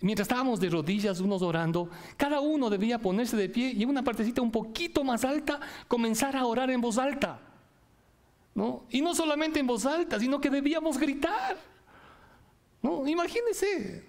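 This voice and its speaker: A middle-aged male pastor preaching a sermon, often checking in with his listeners and rising into emphatic, lively passages. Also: very high-pitched, a little fast. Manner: rhetorical, frequent "¿sí?" checks with the congregation.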